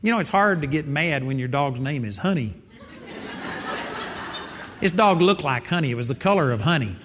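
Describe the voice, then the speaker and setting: A man's voice: a little high, lively intonation, moderate pace, a bit bright, a little hiss or hum. A man preaching a sermon in an earnest, emphatic way, repeating his key phrases. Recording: dull sound in a reverberant hall.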